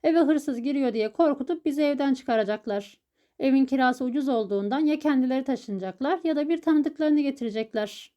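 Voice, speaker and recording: A woman's voice: high voice, a little fast, warm tone, close to an everyday voice. A woman voicing a shrewd young wife in an audiobook, explaining things in a lightly scolding way. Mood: knowing.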